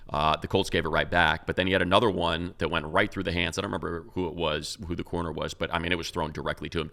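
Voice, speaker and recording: A deep, creaky man's voice with a sharp edge belongs to a radio play-by-play announcer co-hosting a casual sports talk show. He talks loosely, full of fillers and restarts.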